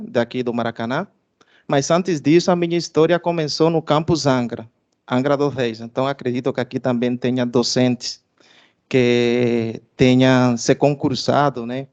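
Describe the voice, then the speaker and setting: A man's voice: mid-range voice, a little mellow, smooth, muffled recording. A man from Cuba with a Cuban Spanish accent, a research director giving a formal institutional presentation, hesitating often with filler sounds and restarts.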